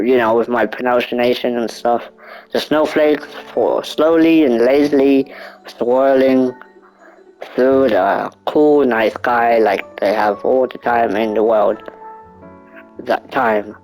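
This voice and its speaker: A man's voice: mid-range voice, darkish tone, rough recording. A nineteen-year-old man reading a visual novel aloud, stumbling over words and breaking off for joking asides. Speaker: gaming YouTuber.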